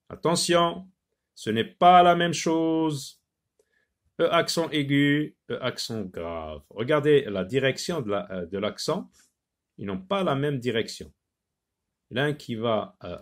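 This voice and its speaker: Slow, deliberate male phonics teacher. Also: medium pitch, lively intonation. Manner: slow, deliberate, repeats words syllable by syllable. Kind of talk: phonics lesson for children.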